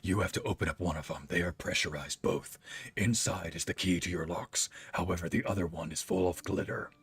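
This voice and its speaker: Jigsaw, put on by a man, low and menacing. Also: breathy edge, no echo, full character voice. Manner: slow, menacing, lowered voice. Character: sinister calm male horror game-master villain.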